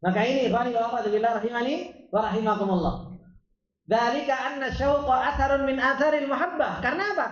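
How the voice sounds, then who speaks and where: A man teaching an Islamic study circle, reading Arabic lines and then explaining them with lively rhetorical questions to the audience. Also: very high-pitched, quick pace. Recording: roomy, dull lo-fi sound.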